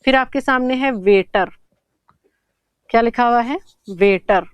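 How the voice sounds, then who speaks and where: Clear-voiced woman teaching step by step. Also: a little high, unhurried, dry recording. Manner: explains step by step, asks and answers her own questions. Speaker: English teacher. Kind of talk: online exam-prep grammar lesson.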